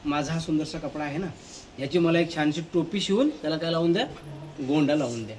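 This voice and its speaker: A cheeky boy mouse from a children's story, voiced by a man storyteller. He boasts in a bouncy sing-song chant, a little higher than an everyday voice. A faint room hum sits behind him. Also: quick pace, a little mellow, lightly acted. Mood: pleading.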